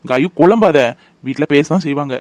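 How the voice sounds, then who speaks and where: A man's voice: on the high side, expressive, fairly quick, darkish tone, no room sound, close to an everyday voice. A man voicing a devoted young fiancé in a cartoon, coaxing and reassuring. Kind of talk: cartoon voice acting.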